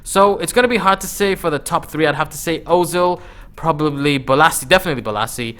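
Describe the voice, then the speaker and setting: A man's voice: on the high side, quick pace, fairly bright tone, clean tone. A man giving casual, conversational gameplay commentary as a gaming video host, using informal slang.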